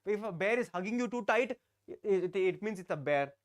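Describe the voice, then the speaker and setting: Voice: medium pitch, lively intonation, fairly quick. Teacher doing a live online class, keeps repeating bits, talks to the chat. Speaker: English teacher.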